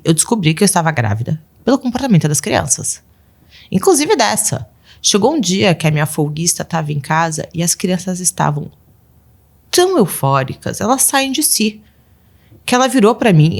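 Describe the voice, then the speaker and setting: Animated woman telling family stories. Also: lowish voice, creaky. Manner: animated, acts out her children's voices, laughs often. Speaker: podcast guest, mother of twelve. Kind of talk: casual storytelling interview.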